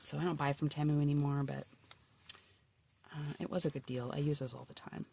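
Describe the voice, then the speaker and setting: This woman's low, gravelly voice is warm and steady, and she talks briskly despite a sniffly cold. She's a crafter flipping through her handmade journal, chatting in a bubbly way and often lowering to a murmur, with slight background noise behind her.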